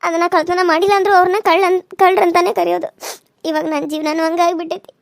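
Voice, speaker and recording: A woman's voice: very high voice, little pitch movement, fast talker, creaky, dry recording, clean studio sound. A woman with a North Karnataka accent voicing Raji, a remorseful young village wife in a cartoon serial, in a pleading, tearful way of talking. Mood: hurt.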